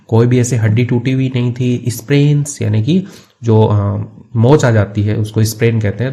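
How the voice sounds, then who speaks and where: Low, mellow-voiced teacher. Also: male voice. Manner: reads English phrases slowly, then explains quickly in Hindi; casual, with fillers like "theek hai". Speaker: English teacher. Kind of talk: explaining an English story line by line in Hindi.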